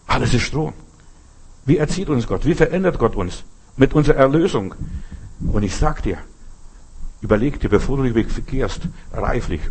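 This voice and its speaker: Husky-voiced man preaching conversationally. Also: medium pitch. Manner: conversational, addresses listener directly with frequent "verstehst?". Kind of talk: informal sermon.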